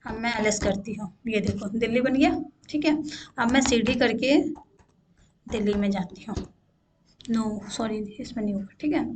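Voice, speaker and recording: Young woman instructor, high voice, patient step-by-step screen-share teaching with frequent check-ins, faint noise. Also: moderate pace, pauses often. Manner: repeats "ठीक है" to check in, asks questions aloud. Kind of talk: screen-share coding tutorial.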